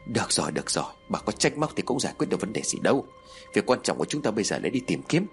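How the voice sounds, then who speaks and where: Calm older husband, low and soothing, read by a male narrator. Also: racing, faint music behind.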